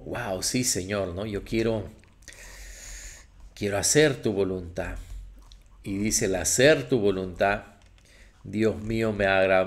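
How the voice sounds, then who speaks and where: A male pastor preaches in an animated sermon style, often breaking into the voices of the people he quotes. His delivery is unhurried, and his voice has a gravelly, creaky edge. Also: lowish voice.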